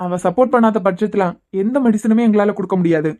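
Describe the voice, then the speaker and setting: A woman's voice: medium pitch, quick pace, a little mellow, natural voice. A woman voicing a serious young male doctor in a cartoon series, with a Kanyakumari Tamil accent. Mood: grave. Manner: serious, explaining. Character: young male doctor friend, grave and calm.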